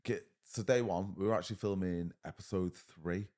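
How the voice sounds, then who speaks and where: Deep-voiced, blunt man swearing freely. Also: normal speed, warm tone. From United Kingdom. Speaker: podcast guest. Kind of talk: casual storytelling.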